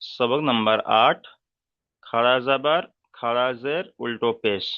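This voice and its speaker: A man with a Bengali accent teaching a slow, step-by-step reading lesson, patiently repeating each term and drawing out each sound. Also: medium pitch, clear, resonant tone, dry recording, muffled recording.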